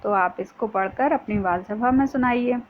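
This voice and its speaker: A woman's voice: mid-range voice, normal speed. A woman teacher explaining a school lesson to young pupils, patient, often asking a question and then answering it herself. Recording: dull lo-fi sound with faint noise.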